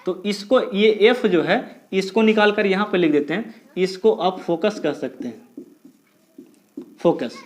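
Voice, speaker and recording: A man with a high voice teaches physics at the board. He asks the class a question, answers it himself, and draws key terms out word by word so students can copy them down. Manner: repeats key terms slowly, syllable by syllable. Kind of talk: blackboard lecture.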